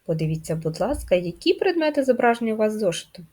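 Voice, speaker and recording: A woman's voice: mid-range voice, sing-song, fast, darkish tone. A woman teaching a first-grade handwriting lesson, explaining patiently step by step and asking the children simple questions. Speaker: primary school teacher.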